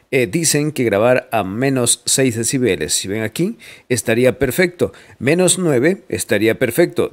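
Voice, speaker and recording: With a medium-pitched voice, this audio editing instructor keeps his screen-recorded tutorial casual and talkative. He frequently asks the audience questions and laughs a lot, captured up close on a studio microphone.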